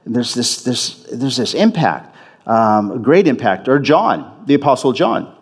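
A man's voice: mid-range voice, animated, a little slow, breathy edge. Man, pastor, church sermon, casual delivery, restarts and repeats himself. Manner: conversational, self-interrupting, repeats phrases for emphasis.

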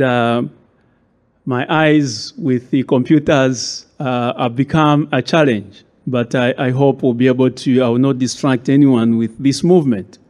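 Slow, measured Zambian-born preacher. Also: male voice, fairly high pitch, darkish tone. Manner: measured, hesitant with many fillers. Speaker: guest preacher. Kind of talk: sermon. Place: church.

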